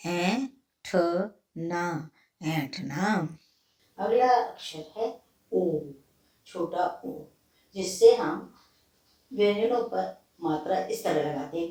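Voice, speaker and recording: Slow, deliberate woman teaching spelling. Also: on the low side, darkish tone, far from the mic. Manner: spells words letter by letter, repeats each word. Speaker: Hindi teacher.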